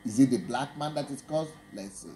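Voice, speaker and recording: A man's voice: mid-range voice, fairly quick, mellow, slight background noise. A man, preaching and quizzing his listeners in an emphatic teaching sermon. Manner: quizzing, emphatic, laughs when making a point. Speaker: pastor.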